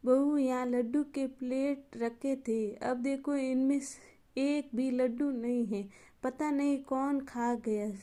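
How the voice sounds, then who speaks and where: A woman voicing a stern, sharp-tongued older mother-in-law in a storybook tale, speaking in a scolding, sarcastic manner. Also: sits high, fairly even intonation, slow.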